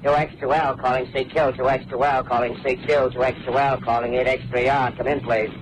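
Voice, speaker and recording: An amateur radio operator calling out call signs and pressing for someone to answer. His voice comes through as a distant ham radio transmission in a scratchy old radio drama, with a fairly flat pitch under light hiss. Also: a little fast. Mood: urgent. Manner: repeats call signs, urgent and searching. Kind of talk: 1930s radio drama acting.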